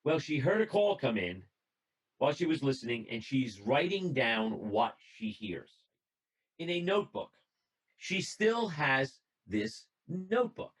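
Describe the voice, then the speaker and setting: A man's voice: mid-range voice, sing-song, a little slow, slightly rough, poor audio. A man giving an illustrated presentation to a radio club over a video call, telling the story in a conversational way and reading out notes, with small restarts. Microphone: computer mic on a video call.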